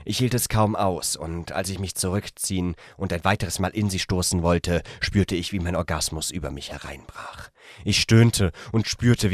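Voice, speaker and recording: A man reading a story aloud in a plain, unpolished way, breaking off for quick asides. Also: sits low, no echo, studio quality.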